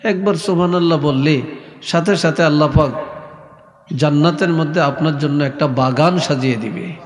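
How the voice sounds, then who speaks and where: A man preaching a sermon to a crowd, speaking slowly and softly with a sing-song storyteller's lilt. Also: fairly high pitch. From Bangladesh. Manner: slow, soft-spoken, sing-song storytelling. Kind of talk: Islamic sermon. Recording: echoey hall reverb from a PA.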